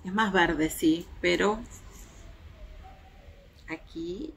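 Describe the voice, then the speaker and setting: Woman doing a makeup review out on her terrace, lowish gravelly voice, faint noise behind. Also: a little slow. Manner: chatty, hesitant fillers, shows swatches to viewers. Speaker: beauty vlogger. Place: home terrace, outdoors in daylight.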